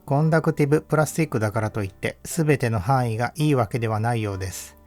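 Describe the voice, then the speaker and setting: A man giving calm, measured, scripted narration that explains equipment test results step by step. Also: mid-range voice, soft background music. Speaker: audio equipment reviewer. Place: voice-over.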